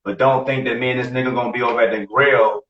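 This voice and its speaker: A man's voice: mid-range voice, steady tone, quick pace. A man in his late forties talks bluntly on a podcast, cursing freely and circling back over the same points. He sounds distant from the microphone. The room is echoey and the sound is dull and lo-fi. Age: 40s. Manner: blunt, profane, repeats himself. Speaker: podcast co-host. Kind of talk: casual podcast chat.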